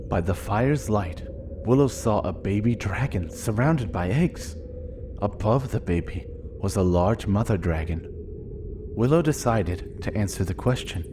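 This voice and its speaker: A man gently reading a children's storybook aloud in an expressive way. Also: lowish voice, unhurried, background noise. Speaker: narrator.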